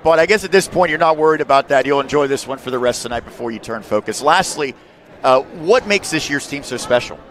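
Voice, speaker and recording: A sports network host in his thirties runs a postgame show courtside in an empty gym, asking long, polished setup questions into a headset mic for a postgame interview. His voice is fairly high and a bit bright, and he talks at a quick pace.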